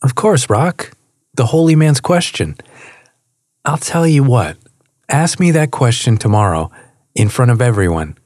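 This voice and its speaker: A man voicing a calm, wise male seminar coach who speaks in a measured, knowing way. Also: mid-range voice, no room sound, clean studio sound. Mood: gentle, knowing. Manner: measured, knowing, pauses for effect.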